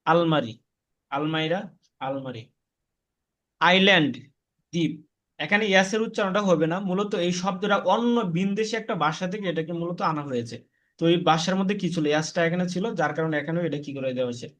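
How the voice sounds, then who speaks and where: A man's voice: on the high side, fairly bright tone. A man teaching an online spoken English class, patiently saying each word and its meaning for his students. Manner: patient, repeats words slowly for students.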